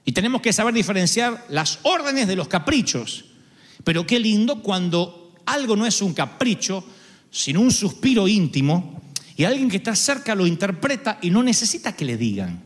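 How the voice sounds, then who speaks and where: High, lively male preacher in a hall. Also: moderate pace. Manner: expressive storytelling preacher, acts out dialogue. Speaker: pastor. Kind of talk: sermon. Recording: long hall reverb.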